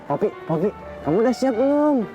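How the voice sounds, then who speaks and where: A man's voice: very high voice, fairly quick, lo-fi sound, soft background music. An actor playing a chatty, teasing young man who talks. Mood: joking. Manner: loud teasing banter, lively swings. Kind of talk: sitcom acting.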